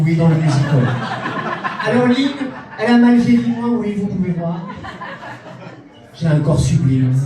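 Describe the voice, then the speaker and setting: A grandiose, self-adoring stage diva, played by a man in a live cabaret act. The voice sits high and camp, heard from a distance in a very echoey club. A lively crowd fills the room. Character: vain self-proclaimed international diva, female persona. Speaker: drag cabaret performer. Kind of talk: cabaret stand-up in character.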